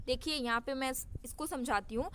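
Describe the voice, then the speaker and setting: A woman teaching a grammar lesson, explaining step by step, asking and answering her own questions and repeating examples slowly. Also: high voice, a bit bright, a little hiss or hum.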